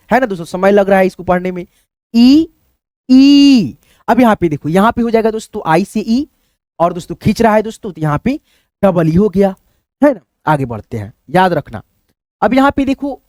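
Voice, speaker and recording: A man's voice: high voice, expressive, fairly quick, a little mellow, no echo, clean studio sound. A man teaching a language lesson in a chatty way, often calling his listeners friends, checking they follow, and drawing out vowel sounds to show them. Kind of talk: screen-based language lesson.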